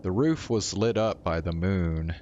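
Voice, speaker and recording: A man streaming a visual novel, reading its narration aloud in a slow, even way. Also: deep voice, lo-fi sound.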